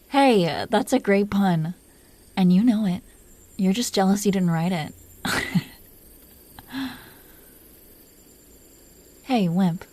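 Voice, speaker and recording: In an intimate romantic audio roleplay, a woman portrays a dragon queen who is protective and smitten, her medium-pitched voice close to an everyday one. She speaks softly and breathily, often nearly whispering, in a playful, teasing, affectionate mood with slow, confiding delivery.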